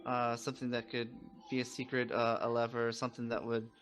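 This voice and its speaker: A man's voice: mid-range voice, monotone, a little fast, fairly bright tone. A man chatting casually as a player in a tabletop game, often searching for his words. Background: background music.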